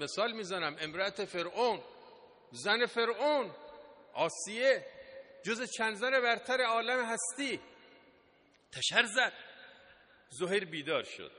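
Male preacher, high bright voice, impassioned sermon delivery, long hall reverb. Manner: impassioned, rising to emphatic declamation. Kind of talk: religious sermon.

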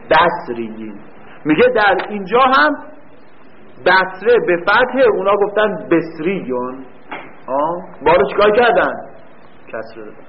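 A man teaching a grammar class, quizzing his students and answering his own questions, reading lines slowly and then explaining them quickly. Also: on the high side, a little hiss or hum. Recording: dull lo-fi recording.

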